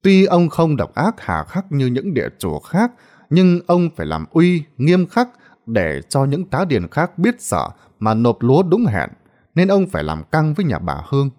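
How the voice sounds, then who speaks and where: A man narrating a ghost story in a dramatic, expressive scripted way. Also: fairly high pitch, a little slow.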